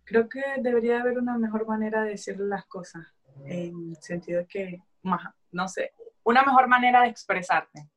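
A woman's voice: mid-range voice, fairly bright tone, lo-fi sound. Easygoing young woman chatting. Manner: easygoing, hesitant, with fillers and pauses. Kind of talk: casual chat.

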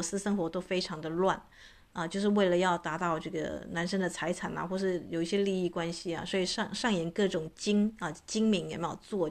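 A woman, a voice coach talking casually to her audience, chatty and full of filler particles. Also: on the low side. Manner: chatty, many filler particles, imitates cat meows. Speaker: voice and astrology coach.

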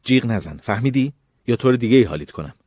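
A man's voice: low-pitched, sing-song, darkish tone, husky, no room sound, studio quality, heavily acted. A man voicing a brutal, impatient escaped convict who snarls out threats in a storybook reading. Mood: threatening.

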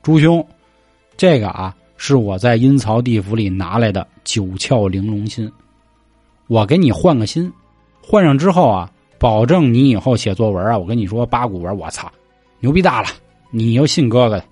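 A blunt, hard-drinking judge of the underworld, put on by a man, speaking a little lower than the storyteller's own voice. He swears freely and talks to his friend with rough brotherly banter. The voice sounds close and dry, with faint music behind. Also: expressive, normal speed, warm tone, dry recording. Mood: jovial.

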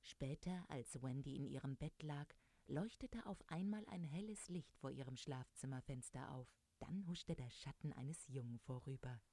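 A woman reading a children's adventure story aloud, lively and speaking directly to young listeners. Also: rumbling low, moderate pace, no echo.

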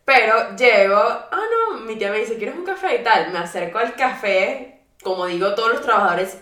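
A woman co-hosting a podcast, telling a story in a casual, chatty way with quick asides. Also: medium pitch, fairly bright tone. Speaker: podcast co-host. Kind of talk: casual chat. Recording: echoey room.

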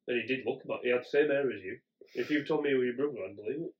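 Male podcast co-host, mid-pitched, animated storyteller, casual banter, muffled lo-fi sound. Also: rapid-fire. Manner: animated storyteller, laughs often, acts out voices. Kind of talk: casual chat.

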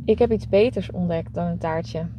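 A woman's voice: on the low side, moderate pace, warm tone, slight background noise, natural voice. A woman voicing a cheerful little mole in a storybook, earnest and playful. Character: cheerful small mole who loves cake.

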